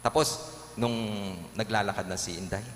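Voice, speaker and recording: Pari na nangangaral sa maalingawngaw na simbahan. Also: male voice, on the low side, normal speed. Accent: Kapampangan. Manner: preaching with lively shifts, acting out jokes and quotes. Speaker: priest. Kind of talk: homily in a live-streamed Mass. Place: large church. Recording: echoey church with long reverb, faint hum.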